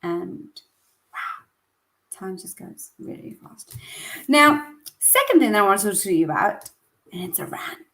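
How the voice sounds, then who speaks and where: A woman's voice: medium pitch, very animated, measured pace, long pauses, sharp tone. Woman, early 30s, vlog host; casual, talky, ranting delivery. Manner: chatty, rambling, ranting, emphatic. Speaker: coach and weekly vlog host. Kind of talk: casual talk to camera.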